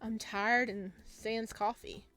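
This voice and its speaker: This woman's voice sits fairly high and sounds a bit bright, delivered slowly in a level tone. She's doing a casual let's play of a visual novel, reading and performing the dialogue while chatting informally about it over faint background music.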